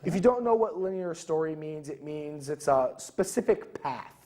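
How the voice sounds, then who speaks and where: A man's voice: a little high, lively intonation, normal speed, warm tone. A young man co-hosting a casual gaming talk show, rambling loosely with many fillers. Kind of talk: casual chat.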